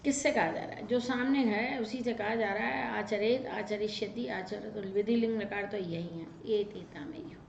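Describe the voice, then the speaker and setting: A woman teaching a Sanskrit grammar lesson, reciting verb forms in quick drills and coaching her students. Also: medium pitch, steady tone, gravelly. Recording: roomy, dull lo-fi sound with faint noise.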